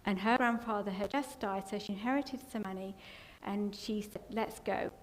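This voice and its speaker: A woman's voice: medium pitch, normal speed. English woman sharing a tearful testimony. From England. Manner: emotional, tearful at times, rambling storytelling. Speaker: church member giving testimony. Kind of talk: personal testimony. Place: church hall. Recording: long hall reverb, faint background noise.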